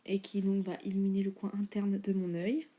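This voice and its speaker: A woman's voice: mid-range voice, completely flat delivery, fairly quick, dark tone. A young woman chatting casually through a makeup tutorial, with many fillers and informal slang. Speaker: beauty vlogger.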